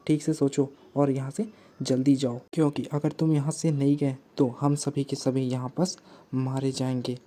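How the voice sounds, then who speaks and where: A man voicing a determined young woman fighter who presses her brother to go, in a flat recap voice. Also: medium pitch, lightly acted.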